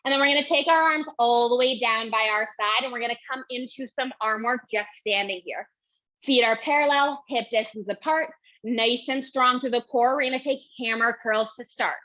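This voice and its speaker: Her voice is fairly high, pushed, and bright, moving at normal speed. A young woman instructing Pilates, she counts reps and cues moves while working out and short of breath, heard through dull lo-fi audio.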